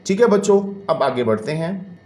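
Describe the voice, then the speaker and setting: A man's voice: on the high side, big pitch swings, normal speed, darkish tone, reverberant. A man, teaching a classroom lesson and explaining patiently step by step. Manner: patient, explains step by step, counts syllables aloud.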